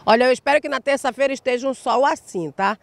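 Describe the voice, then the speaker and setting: Fast-talking and gravelly, her high voice carries no echo. She's a Brazilian woman in her thirties reporting live for TV from a sunny public square on a handheld mic, upbeat and elongating key words, her accent Brazilian Portuguese.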